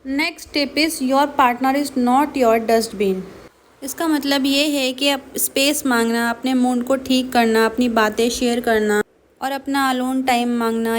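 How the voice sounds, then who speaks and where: A woman gives earnest advice in a casual vlog, slipping English phrases into her talk. A faint background noise runs underneath. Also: high-pitched. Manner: earnest, advising, mixes English phrases into Hindi. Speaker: vlogger giving marriage advice.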